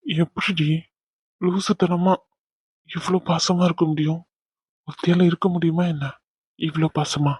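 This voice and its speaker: A woman playing a soft-spoken young husband in an audio drama, talking gently and pleading with emotion. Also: lowish voice, level tone, a little slow, long pauses, breathy edge, no room sound. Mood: tearful, remorseful. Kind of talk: Tamil audio drama acting.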